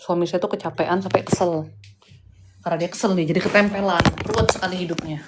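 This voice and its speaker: A woman's voice: on the low side, fairly even intonation, fast talker, heavy background noise. A woman hosting a live stream, chatting casually and rambling, scolding and lecturing her viewers. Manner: chatty, rambling and scolding, jumps between topics. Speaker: live-stream host giving spiritual consultations.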